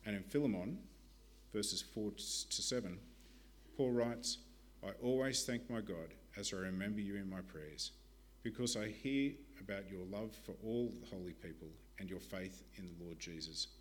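A man with a lowish voice reads a church ministry update aloud. His delivery is steady and measured, with a few small fillers when he speaks off the page. The tone is earnest and prepared, like a report given from the front of a congregation. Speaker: church presenter.

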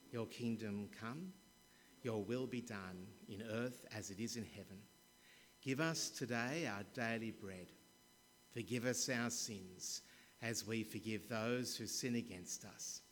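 A man leading a church congregation in prayer, reciting calmly and steadily, with the long echo of a large church hall around him. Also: lowish voice. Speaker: service leader. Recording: long church hall reverb, faint hum.

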